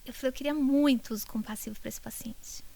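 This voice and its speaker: A middle-aged woman doctor talks on a podcast in a rather high voice. She tells her stories with feeling, swinging from bright outbursts down to near whispers. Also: fast, gravelly. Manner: emotional, animated storytelling that drops to a whisper. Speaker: doctor treating multiple sclerosis patients. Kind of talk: podcast interview storytelling.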